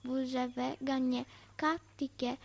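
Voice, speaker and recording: A student presenting in a school radio play, reading carefully at a learner's pace. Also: female voice, high-pitched, flat delivery, slow, gravelly.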